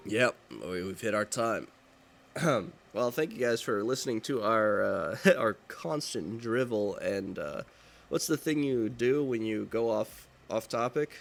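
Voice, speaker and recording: A man's voice: on the low side, lively intonation, measured pace, gravelly. A man co-hosting a podcast, chatting casually and rambling with lots of fillers and restarts. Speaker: podcast co-host. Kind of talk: casual chat.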